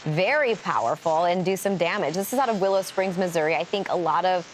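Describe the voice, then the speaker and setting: Lower-voiced woman weather presenter. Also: brisk, slight background noise, low-quality recording. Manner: chatty, informal, thinking aloud. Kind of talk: live weather commentary, conversational.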